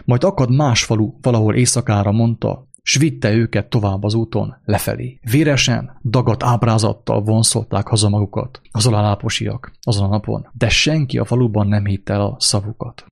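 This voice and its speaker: A man's voice: medium pitch, creaky, a little mellow. A man reading a story aloud to listeners, stopping to explain it with some hesitation.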